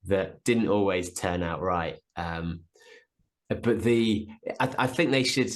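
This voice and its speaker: A man's voice: sits low, slow pace. A man co-hosting a podcast, easygoing and a bit hesitant, with dry teasing humor. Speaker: podcast co-host. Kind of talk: casual chat.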